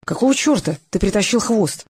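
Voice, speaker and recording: Woman reading as a gruff, hulking herbalist. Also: mid-range voice, animated, a little fast, a little mellow. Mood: angry. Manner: curt, growling. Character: huge bald gruff man, short-tempered herbalist.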